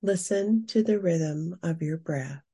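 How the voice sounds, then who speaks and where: Female meditation guide: hushed spa-style softness, breathy, on the low side, very unhurried. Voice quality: soft, breathy. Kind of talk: slow scripted narration and guided meditation.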